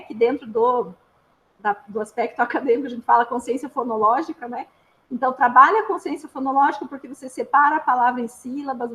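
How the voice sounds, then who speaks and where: Brazilian woman speech therapist, high voice, explains things patiently, keeps checking in with the listener. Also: fairly bright tone, low-quality recording. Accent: Brazilian Portuguese. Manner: patient and explanatory, with frequent tag questions. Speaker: speech therapist giving a talk. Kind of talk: informal explanatory presentation.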